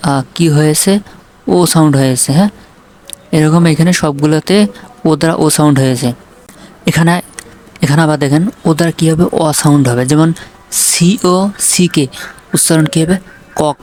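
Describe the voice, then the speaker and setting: This lesson comes from a man with a fairly high, somewhat mellow voice and a faint hiss or hum in the recording. He deliberately spells English words one letter at a time, poses the question of their meaning, and supplies the answer himself while covering pronunciation.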